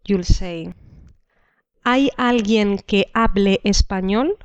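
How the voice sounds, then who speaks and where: A woman teaching a language lesson, explaining slowly and repeating each example sentence twice. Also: medium pitch, smooth, no echo. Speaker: Spanish teacher. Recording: dull dry lo-fi recording.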